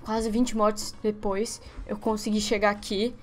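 A young Brazilian woman giving let's-play commentary on her webcam setup, excitable and quick to yelp and shriek at each slip. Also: medium pitch. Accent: Brazilian Portuguese. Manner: excitable, yelps and shrieks when failing. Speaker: gaming youtuber.

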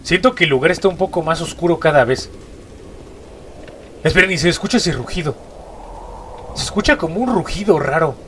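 Stuffy-nosed Mexican gamer, jumpy. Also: male voice, on the high side, animated, fairly quick, long pauses, a bit bright, a little hiss or hum. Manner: jumpy, repeats short exclamations. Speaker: gaming YouTuber. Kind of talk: horror gameplay commentary.

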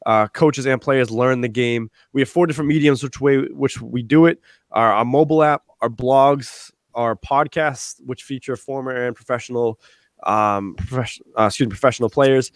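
A man's voice: medium pitch, no echo. Casual young man hosting a video call. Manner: relaxed, quick, lots of fillers and restarts. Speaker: live clinic host and high school football coach. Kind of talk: casual live-stream presentation. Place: small room at home. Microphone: earphone mic on a video call.

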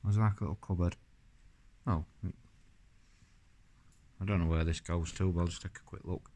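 A rambling, chatty man gives a casual walking-tour commentary. His voice sits fairly low, and he talks to the camera in an easy, admiring way. He is filming on a handheld phone inside an old stone church. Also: fairly even intonation, moderate pace, mellow. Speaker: vlogger.

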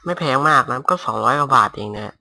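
A young man casually commentating his Minecraft game at home on a headset mic, talking softly and rambling. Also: medium pitch, lively intonation, fast talker, creaky. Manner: rambling, talks softly to avoid disturbing neighbors. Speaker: gaming YouTuber. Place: home room. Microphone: cheap gaming headset mic.

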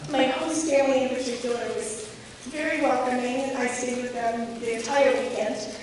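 Her high-pitched, slightly mellow voice stays fairly even at a normal speed, scratchy from a cold she's recovering from. She's a twentysomething American from Kansas, a guest speaker and scholarship winner giving a prepared talk to a club. The sound comes from a distant camera catching her handheld mic over a noisy, echoing hall PA in a large hard-walled meeting room.

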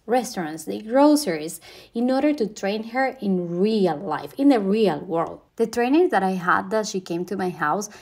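A woman's voice: mid-range voice, darkish tone. Woman vlogging, echoey room. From Venezuela. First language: Spanish. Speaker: dog owner vlogger. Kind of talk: casual talk to camera. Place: living room, indoors.

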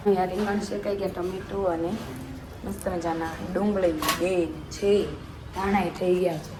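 A woman's voice: fairly low pitch, steady tone, moderate pace. A woman chatting through a home vlog, often cooing in baby talk to an infant. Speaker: vlogger. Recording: noisy with passing traffic.

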